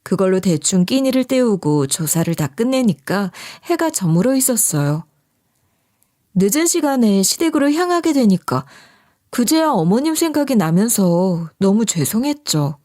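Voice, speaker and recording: Female storyteller, lively intonation, confiding first-person narration. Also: mid-range voice, moderate pace.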